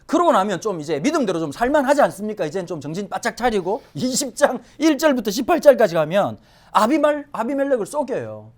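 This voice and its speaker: A male pastor giving a Sunday sermon in a lively, conversational way with joking asides. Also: high voice, fast talker.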